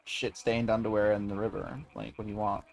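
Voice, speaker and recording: A man's voice: on the low side, level tone, fairly quick. A male streamer casually joking and rambling through live gameplay commentary.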